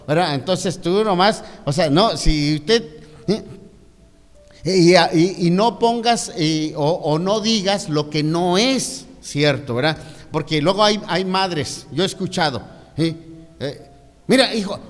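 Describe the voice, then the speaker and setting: Pastor with a raised voice, echoing hall. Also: male voice, fairly high pitch. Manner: conversational, full of tag questions and restarts. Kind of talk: sermon.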